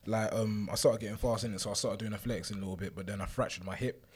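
A man's voice: on the low side, fairly even intonation, fast talker, husky. A man in his twenties with a South London accent, chatting casually and telling stories in slangy, joking style on a group podcast. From South London, England. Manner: slangy, conversational, jokey storytelling.

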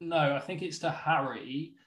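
A man's voice: fairly high pitch, unhurried, a bit bright. A man, a podcast guest, rambling casually and tipsily over a video call. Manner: rambling, tipsy and laid-back. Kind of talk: casual chat. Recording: roomy echo.

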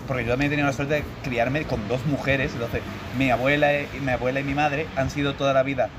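A man's voice: mid-range voice, level tone, fast talker. Earnest man, noisy recording. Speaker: guest. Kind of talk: casual group chat.

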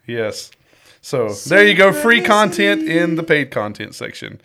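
A man's voice: a little high, sing-song, a little slow, gravelly, a crowd in the background. Man, podcast host, easygoing mid voice. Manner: easygoing, wraps up the episode. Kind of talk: casual group chat.

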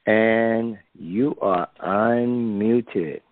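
Man, low voice, slow measured moderating, dry phone line. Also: no room sound. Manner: measured, procedural. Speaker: call moderator. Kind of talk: hosting a call-in line.

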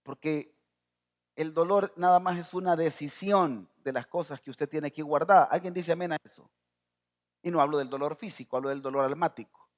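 Impassioned Salvadoran pastor preaching. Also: male voice, a little high, moderate pace. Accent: Salvadoran Spanish. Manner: impassioned preaching, rising to near-shouting, calls to the congregation. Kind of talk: sermon.

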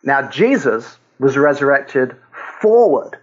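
A man's voice: medium pitch, big pitch swings, slow. Older man, dull lo-fi faith talk. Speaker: guest author.

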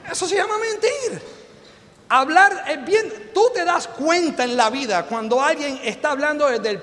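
High-voiced Puerto Rican man in an echoing hall. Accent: Puerto Rican Spanish. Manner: animated, joking, quizzes the audience with questions. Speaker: motivational business speaker. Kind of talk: live motivational seminar talk. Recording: long hall reverb.

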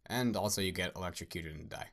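A man voicing a manic, theatrical male artist villain who fawns over his guest, loud and sing-song with big jumps upward. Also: fast talker. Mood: gleeful, menacing. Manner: obsequious, repeats "sir", swings loud and high. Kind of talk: dramatic story reading.

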